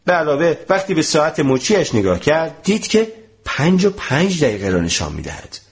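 A male narrator reads a storybook aloud with an expressive, animated delivery. His pitch rises and falls widely, giving the telling a lively shape.

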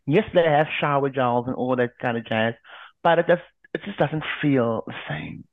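A man's voice: mid-range voice, normal speed, no echo. A man co-hosting a casual chat, rambling with many restarts and fillers. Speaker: podcast co-host. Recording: tinny phone-like line, dry.

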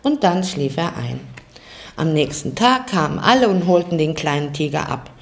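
An older woman reading a bedtime story aloud in a calm, gentle way. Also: low voice, moderate pace, creaky. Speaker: reader.

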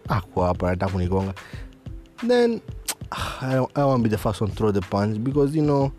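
A young Kenyan man hosting a podcast, telling an animated, swear-filled story and slipping into Swahili. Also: lowish voice, quick pace, faint music behind. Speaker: podcast host. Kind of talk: profane storytelling monologue.

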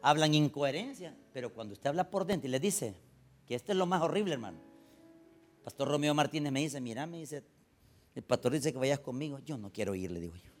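A man preaching a sermon, swinging between loud urgent lines and low confiding storytelling. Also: lively intonation, a little fast, soft background music. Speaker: pastor.

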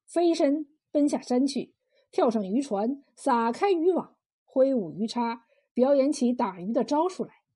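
A woman telling a folk tale in measured, expressive narration. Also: high-pitched, breathy edge. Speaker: storyteller.

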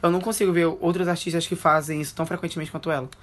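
A man's voice: fairly high pitch, little pitch movement, very fast, a loud crowd. Teasing young Brazilian man, sarcastic. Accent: Brazilian Portuguese. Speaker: podcast co-host. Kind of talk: casual chat about music.

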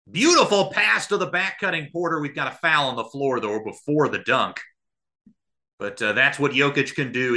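A man with a medium-pitched voice that sounds pushed and bright does radio play-by-play of a live basketball game. He calls it in short, clipped present-tense phrases, adding analysis as he goes.

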